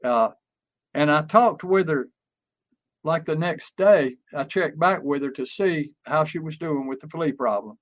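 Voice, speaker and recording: Older male co-host, slightly high voice, talks like an emphatic storyteller who repeats key phrases. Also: measured pace. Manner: anecdotal storyteller with frequent restarts and fillers. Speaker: podcast co-host and marketing coach. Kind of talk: casual podcast talk.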